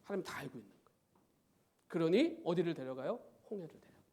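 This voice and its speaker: A middle-aged man preaches to his congregation from the pulpit of a church sanctuary. His voice sits high and leaps up and down as he presses listeners with rhetorical questions. The delivery is lively, animated sermon style. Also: quick pace. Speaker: pastor.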